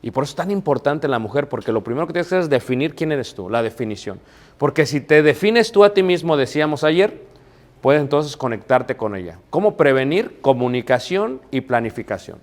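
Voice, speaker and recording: A middle-aged male preacher with a Mexican accent, giving a sermon on marriage. His voice sits at an ordinary male pitch. He talks emphatically, repeats key phrases and poses rhetorical questions to the men listening. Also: expressive, brisk. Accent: Mexican Spanish.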